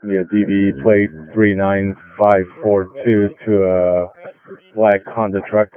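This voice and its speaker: A man's voice: on the low side, flat delivery, slow pace, smooth, no echo. Man over a tinny police radio. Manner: terse, procedural. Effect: police radio transmission. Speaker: police officer. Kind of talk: radio call sign traffic.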